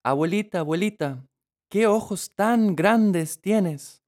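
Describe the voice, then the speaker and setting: Guy doing a squeaky sweet little girl, eager and sing-songy, storybook style. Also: animated, slow pace, darkish tone. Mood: wondering. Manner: high, eager, sing-song.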